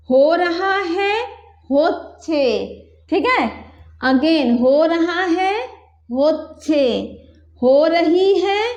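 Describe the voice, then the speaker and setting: A woman teaching a language lesson at a board, explaining patiently and slowing down to spell out example phrases. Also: very high-pitched, darkish tone, roomy sound. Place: room with a whiteboard.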